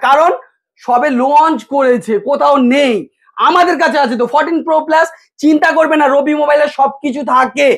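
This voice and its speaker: Man from West Bengal, very high pitch, fast hawking salesman patter with playful price teases. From West Bengal, India. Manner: hawking, teasing the viewer with rhetorical price questions. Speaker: phone shop salesman. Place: inside a mobile phone shop.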